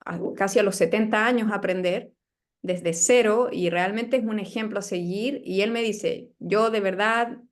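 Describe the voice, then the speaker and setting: A woman with a Chilean accent, a Spanish teacher speaking as an interview guest in a thoughtful, explanatory way with small pauses. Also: mid-range voice. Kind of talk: casual interview chat.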